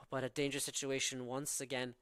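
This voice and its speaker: This is a young man from southern Norway, speaking with a Norwegian accent, working as a play-by-play commentator on a live college soccer match. His mid-range voice is flat, brisk and slightly bright, and he mixes tactical analysis with frequent fillers. The recording is dry.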